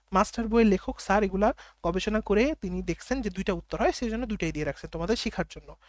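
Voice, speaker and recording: A woman tutor with a Bangladeshi accent runs an online exam-prep class, checking answers and putting questions back to her students. Her voice sits fairly high, and it is recorded close and dry with no room sound. She slows right down to read each English sentence aloud. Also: no echo. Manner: quizzing students, reading English sentences slowly. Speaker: teacher.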